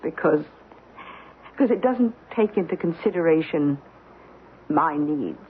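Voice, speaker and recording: A low-voiced actress gives an animated turn as a proud, bitter, middle-aged wronged wife in an old-time radio drama. She speaks articulately, cuttingly and deliberately, and the old radio recording sounds tinny and noisy.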